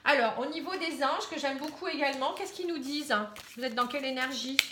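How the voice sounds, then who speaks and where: Bright high-voiced northern French woman. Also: brisk, slight background noise. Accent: northern French (Pas-de-Calais). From Pas-de-Calais, northern France. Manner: chatty, tags nearly every phrase with "hein"; reassuring and encouraging. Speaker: tarot card reader. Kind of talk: casual tarot reading to camera.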